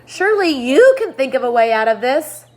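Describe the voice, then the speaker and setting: A woman's voice: sing-song, normal speed, close to an everyday voice. A woman reading a storybook aloud and voicing an earnest, bossy lady ladybug. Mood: pleading. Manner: earnest, high-pitched.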